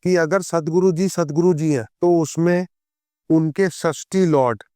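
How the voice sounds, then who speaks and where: A man, a guest on a podcast interview, who reads scripture verses slowly and then explains them in a conversational way. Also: fairly high pitch, dark tone, clear, resonant tone, no echo, studio quality. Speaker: astrologer guest.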